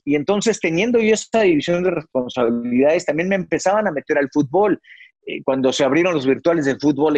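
Slightly high man, reminiscing. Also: breathy edge, dry recording. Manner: reminiscing, with frequent fillers and restarts. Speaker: sportscaster guest. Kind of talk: reflective interview storytelling. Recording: dry, slightly dull recording.

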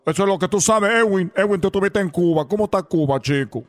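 A man's voice: sits high, quick pace, dry recording, studio quality, close to an everyday voice. A man voicing a boastful, needy male baseball player who keeps calling people "chico".

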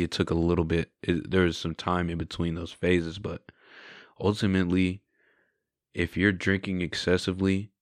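A low-voiced man in his twenties shares his testimony through casual conversational storytelling, speaking candidly and reflectively and often adding "right?" and "you know." It's studio quality with no room sound.

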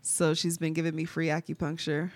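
A woman's voice: low-pitched, monotone, brisk. A young adult woman with a stuffy nose, chatting casually and candidly as a podcast co-host, often giggling and swearing. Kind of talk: casual personal chat.

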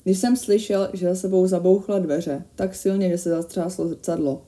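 A woman reading a first-person horror story aloud in a steady, measured way that grows tense at the scary moments. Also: fairly low pitch.

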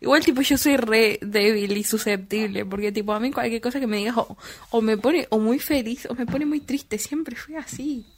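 A woman's voice: on the high side, normal speed. A young woman, chatting casually, blunt and self-deprecating, swearing freely. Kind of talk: casual chat.

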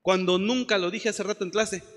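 High, bright-voiced preacher. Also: male voice, steady tone, moderate pace, long reverb tail. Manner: impassioned preaching, swings from shouts to soft asides. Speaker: pastor. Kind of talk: sermon.

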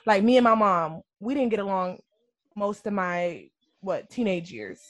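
A young adult woman talks in an earnest, reflective way. Her voice sits at an ordinary pitch, and the recording is dry and close with no room sound. She comes across as candid and down to earth. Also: lively intonation, a little slow, no echo. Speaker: guest friend. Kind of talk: candid casual chat.

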